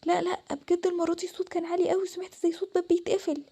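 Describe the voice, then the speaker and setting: A sensible young cartoon girl brushes off her friend's fears in a dismissive, reassuring way, as a woman acts her out. She has an Egyptian accent and a very high, warm voice. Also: level tone, racing. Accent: Egyptian Arabic.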